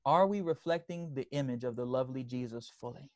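A man's voice: mid-range voice, brisk, darkish tone, no echo, lo-fi sound. A man preaching a sermon as pastor, emphatic, repeating phrases and calling for responses from the congregation.

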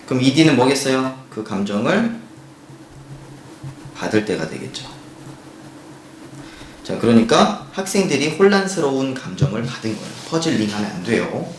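A man's voice: medium pitch, very animated, slight background noise. Man teaching grammar in a roomy space. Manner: explains step by step, asks rhetorical questions; reads English sentences slowly and carefully. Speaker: English teacher. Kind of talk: recorded grammar lecture.

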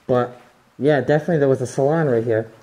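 With poor audio from a handheld camera, a young urban explorer narrates his way through a large, abandoned resort indoors. He's a fast talker with a dark, medium-pitched voice, chatty and easily impressed as he speculates about what each room once was.

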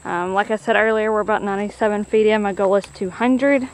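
A young woman talking casually to camera from a wooded rural clearing, chatty and plainspoken. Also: medium pitch, fairly quick. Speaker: homesteading vlogger. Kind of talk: casual vlog talk to camera. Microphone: camera at arm's length.

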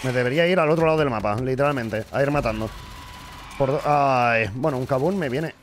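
A man's voice: mid-range voice, fairly quick, noisy background. A young man, commenting live on his own gameplay, frustrated, swearing often and talking to the game. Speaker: gaming streamer.

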